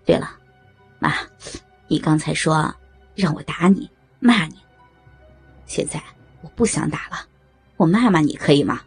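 A woman doing a gravelly sneering young man. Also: low voice, measured pace, long pauses, no room sound, soft background music, pitched below the performer's own voice, exaggerated voice.

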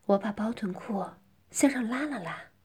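A woman's voice: medium pitch, expressive, normal speed, darkish tone, breathy edge. A middle-aged woman narrating a first-person story as whispered role-play, coy and often dropping into a whisper.

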